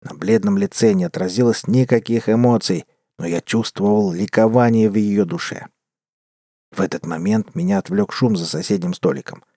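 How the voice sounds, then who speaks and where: A man narrating a story in a measured, wry manner as an audiobook. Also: fairly low pitch, animated, mellow, dry recording, studio quality.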